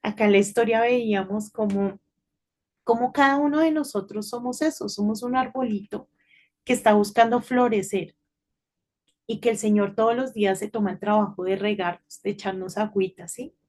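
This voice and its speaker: A middle-aged woman giving an informal devotional talk to children, telling a story in a chatty way and often checking in with a quick "right?". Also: medium pitch, steady tone, darkish tone. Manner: chatty storytelling with frequent tag questions.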